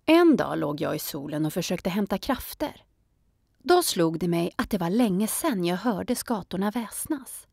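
Calm woman reading a children's story. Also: fairly low pitch, vocal fry, breathy edge, no room sound, studio quality. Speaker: narrator. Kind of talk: children's audiobook narration.

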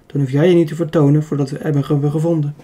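A man reading an audiobook, voicing a self-assured young woman who calmly argues her plan. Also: on the high side, very fast, close to an everyday voice. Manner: calm, persuasive. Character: very young woman, confident and clever.

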